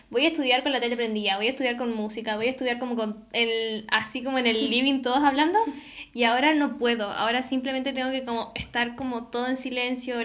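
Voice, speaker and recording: A woman's voice: a little high, fairly bright tone. A teenage girl with a Chilean accent, chatting casually with friends about school and selling online. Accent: Chilean Spanish. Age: teens. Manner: chatty, acts out quotes of herself. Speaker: student, online shop owner. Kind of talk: casual chat.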